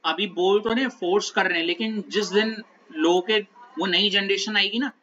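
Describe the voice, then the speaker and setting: A man's voice: sits high, steady tone, normal speed, bright, forceful tone, muffled recording, slight background noise. A male teacher giving a conversational classroom talk, often checking that his students are following. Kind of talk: classroom talk, lecture digression.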